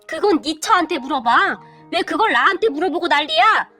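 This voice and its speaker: A woman's voice: very high voice, animated, fairly quick, sharp tone, faint music behind, heavily acted. A woman voicing a stern, scheming older mother-in-law who talks bluntly and scolds. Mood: scolding.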